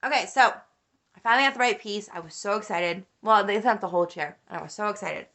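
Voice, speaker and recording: A young woman vlogger telling a story in a casual, animated way, swearing and laughing as she rants. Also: mid-range voice, fast talker.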